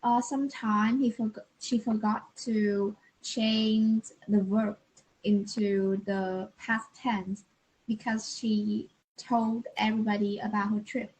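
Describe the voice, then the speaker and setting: A woman's voice: medium pitch, little pitch movement, takes it slowly, a little mellow, slightly rough, low-quality recording. A young adult woman student, speaking hesitantly in English practice. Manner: hesitant, careful.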